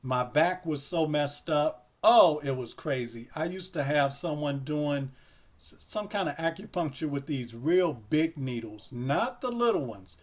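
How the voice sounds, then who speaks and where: A man hosts a casual interview, his voice sitting somewhat high for a man. He rambles easily, leans on fillers, and speaks straight to his audience. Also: a little slow. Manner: relaxed, rambling, many fillers like "you know"; addresses viewers directly. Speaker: host.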